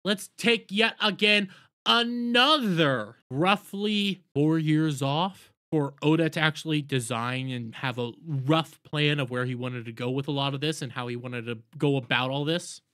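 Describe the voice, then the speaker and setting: A man's voice: on the high side, unhurried, sharp tone, no echo, studio quality. A man delivering an opinionated commentary rant, indignant and emphatic, repeating phrases for stress. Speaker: commentary video host.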